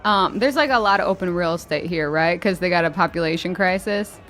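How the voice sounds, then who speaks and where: A woman's voice: on the low side, a little fast, fairly bright tone, faint music behind. A woman playing a tabletop role-playing game, improvising casually with playful, folksy phrasing.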